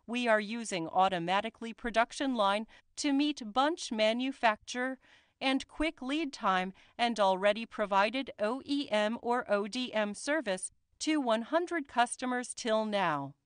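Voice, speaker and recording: A woman reads a scripted corporate voice-over at a very slow, deliberate pace. Her voice sits a little high and comes across smooth and clear. The recording is close and dry, with no room sound. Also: no echo. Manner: slow, careful, deliberate reading. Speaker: company spokesperson.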